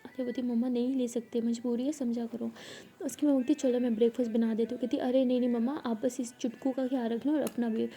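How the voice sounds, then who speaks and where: High, gravelly-voiced woman telling a story. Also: mellow. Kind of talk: casual spoken storytelling with voiced dialogue.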